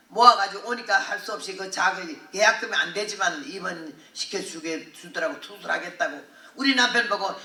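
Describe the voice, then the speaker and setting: An older woman missionary preacher telling a testimony in a revival sermon, earthy and animated with laughter. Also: mid-range voice. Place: large hall at a prayer retreat. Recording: echoey hall, voice from far off.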